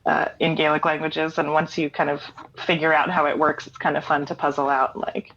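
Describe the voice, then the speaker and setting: Heard through dull, lo-fi online call audio, a middle-aged American woman speaks from home as an interview guest. Low-pitched with little pitch movement, her voice is brisk and fairly bright. A singer-songwriter and writer, she chats in a casual, easygoing, explanatory style.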